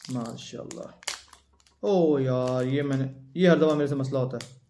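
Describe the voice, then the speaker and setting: The audio carries some echo and a little hiss or hum. A perfume reviewer speaks in a mid-range voice with a dark tone, casually unboxing and sniffing fragrances indoors at home and musing aloud as he handles each bottle, recorded on a phone with a plug-in USB-C mic.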